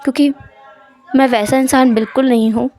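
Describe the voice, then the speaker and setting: A woman voicing a calm, gentle seventeen-year-old husband in a measured, lowered voice. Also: close to an everyday voice.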